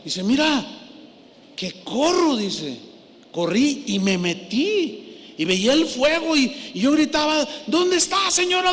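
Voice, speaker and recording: A man preaching a sermon and telling a story, with an animated delivery that swings from hushed to loud. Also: extremely high pitch. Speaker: pastor. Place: large church hall. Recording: echoey hall, faint noise.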